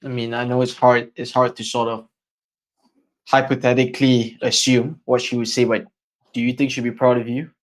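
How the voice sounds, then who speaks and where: A man's voice: mid-range voice, flat delivery, moderate pace, rough recording. A man interviewing a guest in an informal, conversational way. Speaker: podcast interviewer.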